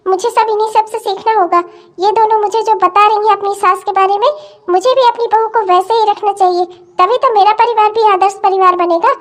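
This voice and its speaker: A woman voicing a middle-aged cartoon mother-in-law who muses slowly and smugly. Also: extremely high pitch, fairly even intonation. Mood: scheming. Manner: slow, self-satisfied musing.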